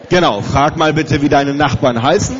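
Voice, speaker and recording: A man hosting a conference for youth leaders energetically gives instructions to an audience in a large hall. He has a cold, and his slightly high voice sounds a little strained at normal speed. The audio is dull, with a faint crowd audible.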